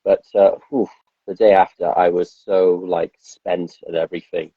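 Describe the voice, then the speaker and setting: A man with a deep, husky voice chats casually as a podcast host, rambling through lots of fillers and restarts. The sound is dull and lo-fi, recorded dry and close. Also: fairly even intonation, moderate pace, no echo. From Wales. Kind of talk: casual chat.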